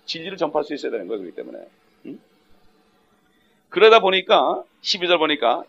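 A pastor preaches emphatically, repeatedly cutting in with a questioning "eh?" aimed at the congregation. His medium-pitched voice is fairly bright and slightly rough, with vocal fry, captured in dull lo-fi sound.

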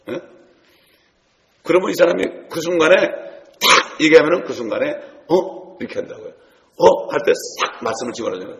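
A man's voice: medium pitch, creaky, reverberant, long reverb tail. A man preaching a sermon to his congregation, telling stories and speaking to them directly. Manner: storytelling, addresses congregation directly. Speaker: pastor.

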